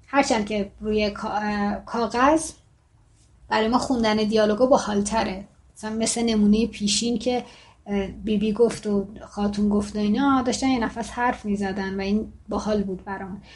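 A woman's voice: medium pitch, fairly even intonation, a little mellow. A woman teaching fiction writing in a casual, explaining way, reading passages aloud in a more formal tone. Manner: explains casually, then reads excerpts in formal tone.

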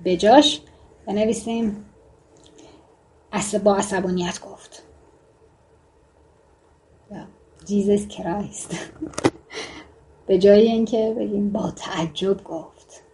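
A woman's voice: mid-range voice, long pauses, warm tone. A woman teaching fiction writing in a casual, chatty way, wandering off into joking asides. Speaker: writing instructor.

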